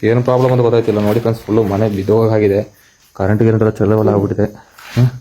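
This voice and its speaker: Man with a dark voice, ghost-hunting vlogger. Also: lowish voice, rapid-fire, slight background noise, rough recording. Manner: repetitive storyteller, excited calls of "hey" when startled. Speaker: vlogger exploring a haunted house. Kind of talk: night ghost-hunting vlog, storytelling and exploring. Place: outdoors at night in an abandoned house. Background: crickets and insects.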